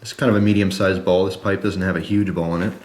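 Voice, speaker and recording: A man's voice: deep voice, flat delivery, quick pace, darkish tone, reverberant. A man chatting casually and informally to viewers, explaining step by step as he demonstrates a product in a review video.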